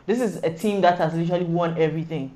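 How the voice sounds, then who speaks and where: A woman's voice: lowish voice, fast, mellow. A woman as co-commentator, giving emphatic opinions on the match. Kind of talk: live football commentary.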